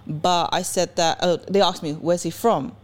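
A young woman from Sweden telling a personal story in casual podcast chat, animated and laughing often. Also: fairly low pitch, moderate pace. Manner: animated, laughs often, acts out quoted dialogue. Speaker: podcast co-host.

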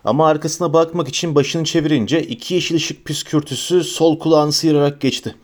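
A man narrates an audiobook in an expressive storytelling manner. His voice is a little higher than usual for a man and carries the action along. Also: a little fast. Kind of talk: audiobook reading.

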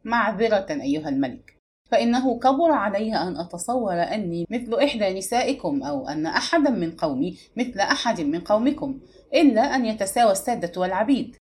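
A woman's voice: medium pitch, expressive, fast talker, a little mellow, close to an everyday voice. A woman voicing a haughty young princess who talks coldly and with sarcastic disdain, in an audiobook reading. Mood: scornful.

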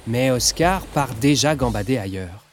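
A man narrating a children's audiobook in a lively, expressive storytelling manner. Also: mid-range voice, moderate pace, a little hiss or hum.

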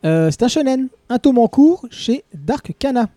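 A man hosts a casual podcast, recorded live in a café. His voice sits high yet sounds very mellow and dark. He jokes freely and stumbles over fillers. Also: big pitch swings, unhurried, dry recording, studio quality. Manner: joking, with many hesitant fillers. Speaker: podcast host.

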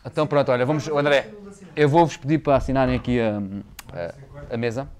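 A man's voice: mid-range voice, steady tone, quick pace, a little mellow. A man with a European Portuguese accent, hosting a casual chat in an informal, slangy way. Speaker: show host.

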